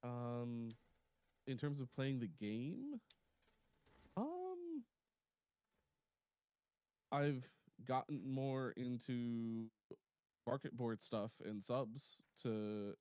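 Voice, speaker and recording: A man, a DJ guest, talking in a relaxed, hesitant way with many ums. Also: medium pitch, extremely slow, pauses often, smooth, no echo. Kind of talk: casual chat.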